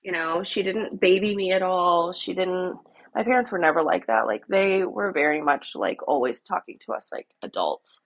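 A woman's voice: on the low side, expressive, moderate pace. A woman in her thirties telling a casual, rambling story while out on a walk, full of "like" and "um". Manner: rambling, filler-heavy, conversational. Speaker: vlogger. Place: outdoors on a walk.

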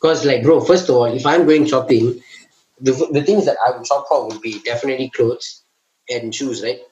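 A man's voice: mid-range voice, normal speed, darkish tone. A young man with a Malaysian English accent, ranting casually to his friends and calling them bro. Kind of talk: casual chat among friends. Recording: roomy, muffled, faint background noise.

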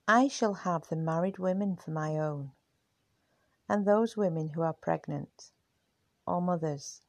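A woman's voice: lowish voice, measured pace, no echo. A woman voicing a regal, protective queen of the gods, making a stately proclamation.

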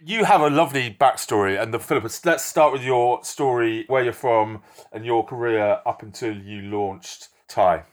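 A man hosting a podcast, introducing and interviewing a guest in a relaxed, conversational way. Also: medium pitch, moderate pace. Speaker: podcast host.

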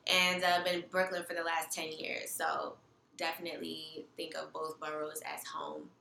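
A woman's voice: low voice, little pitch movement, moderate pace, creaky, bright, forceful tone. A woman, chatting casually and reflectively as a podcast guest. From Queens, New York. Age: 30s. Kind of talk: casual personal chat. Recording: echoey room, audible background noise.

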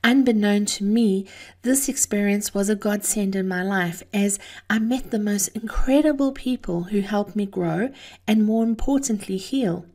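A middle-aged woman with a South African accent delivers a scripted motivational monologue in an earnest, deliberate, personal storytelling manner. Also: medium pitch, a little mellow. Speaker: host of an encouragement podcast.

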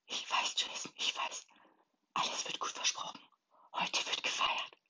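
A man voicing a grieving young woman who is the narrator's gentle sister, in a whispered role-play with a soft, soothing, unvoiced whisper. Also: unhurried, no room sound, lo-fi sound.

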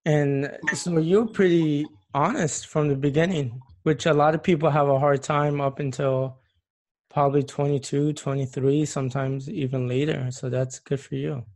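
A man's voice: on the high side, steady tone, normal speed, darkish tone. A man interviewing a guest and drawing her out with short, prompting questions. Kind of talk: personal interview.

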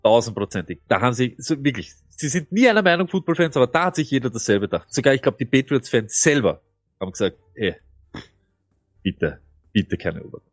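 A man's voice: medium pitch, big pitch swings, a little fast, no echo, faint music behind. A man co-hosting a fantasy football podcast, telling things emphatically and animatedly. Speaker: podcast co-host. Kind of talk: casual fantasy football chat.

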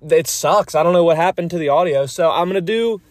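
A man with a slightly high voice hosts a loose, rambling solo podcast in an informal way. He talks into a phone in a parked car, so the sound is close and dry, with rain on the car. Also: fast, no room sound. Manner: rambling, informal, mildly profane. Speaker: podcast host. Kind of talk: casual solo podcast chat. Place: inside a parked car on a rainy day. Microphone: phone microphone. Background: rain hitting the car roof.

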